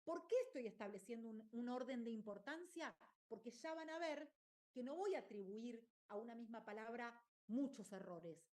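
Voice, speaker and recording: A woman teacher gives an online lecture, explaining her lesson and frequently checking in with listeners by asking "¿está bien?". Her voice is a little high, with a darkish tone.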